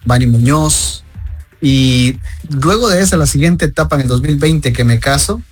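A man in his forties from Guatemala, a guest musician telling his story in a friendly, relaxed way over a remote connection. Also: medium pitch. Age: 40s. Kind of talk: phone-in interview.

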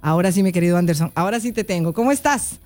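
A woman hosting a live online interview, talking in a warm, chatty way and often repeating herself. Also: lowish voice, lively intonation, racing, soft background music. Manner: warm, chatty, repeats herself while fixing tech trouble. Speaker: host.

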